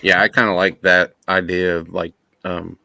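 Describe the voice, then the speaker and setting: Low gravelly guy, flat laid-back talk, dry sound. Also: moderate pace, dry recording. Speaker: guest caller. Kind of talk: casual chat.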